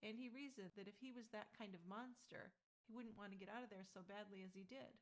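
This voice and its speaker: Woman, true crime podcast co-host, mid-pitched, conversational commentary. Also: quick pace.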